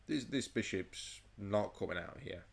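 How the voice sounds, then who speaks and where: A man with a very deep voice talks through a chess game in a loose, rambling way. His tone is gravelly, with plenty of vocal fry. He stammers and restarts often, sounding overheated and sweaty. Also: measured pace. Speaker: chess channel host. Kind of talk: casual chess game commentary.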